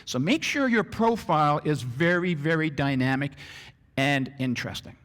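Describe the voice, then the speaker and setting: A man giving a business presentation to an audience, animated and acting out little scenes as he talks. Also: fairly high pitch, moderate pace. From Canada. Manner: animated, acts out scenarios in character voices. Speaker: business trainer. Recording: long reverb of a hall.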